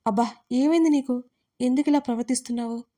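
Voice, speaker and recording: A gentle, affectionate young woman from an audio story, voiced by the woman who narrates it. She talks in a soft, coaxing, slightly playful way, with a higher-pitched and mellow tone. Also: fast, natural voice. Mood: tender.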